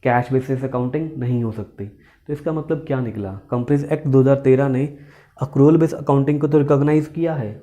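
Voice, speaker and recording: Warm in tone and steady, a mid-range male voice moves at normal speed through an accountancy lesson delivered lecture-style. The teacher leans on questions and repetition of key points, switches between Hindi and English terms, and refers to students as "beta."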